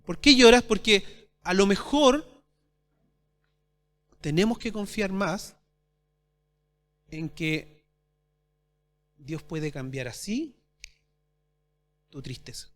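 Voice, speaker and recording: At a church service, a male pastor preaches, calling his congregation brothers, posing rhetorical questions and shifting between loud and soft. His high voice is animated, with drawn-out words and frequent pauses.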